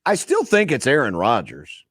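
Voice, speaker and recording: A man's voice: medium pitch, huge pitch swings, moderate pace, fairly bright tone, husky, no room sound, clean studio sound. A man hosting a casual sports podcast, trading joking, teasing banter with his guest. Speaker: podcast host.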